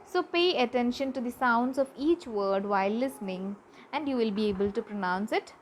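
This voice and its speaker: A woman teaching a class, slowly repeating words for pronunciation practice. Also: on the high side, lively intonation, rough recording. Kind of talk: classroom lesson. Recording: faint background noise.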